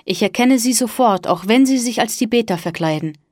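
A woman reading the lines of an earnest, gentle young man in an audiobook, speaking softly and sincerely. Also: fairly high pitch, expressive, a little fast, dry recording, clean studio sound, natural voice. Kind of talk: audiobook dialogue.

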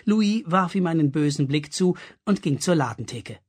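An audiobook reader narrating a story expressively with a husky voice. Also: mid-range voice, animated, moderate pace, a little mellow. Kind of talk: scripted narration.

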